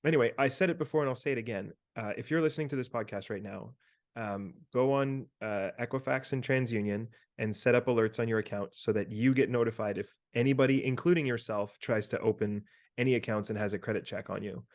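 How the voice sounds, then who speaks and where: A man co-hosting a podcast over a video call, telling a personal story in a relaxed way with plenty of ums and likes. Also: mid-range voice, quick pace. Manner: relaxed storytelling with many fillers, advising listeners. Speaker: podcast co-host.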